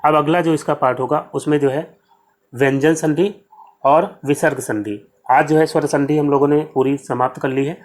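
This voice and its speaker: A man with a Hindi accent, his voice fairly high and steady at a moderate pace, walks students through exam-prep grammar step by step. He asks questions and answers them himself, saying "ठीक है" many times.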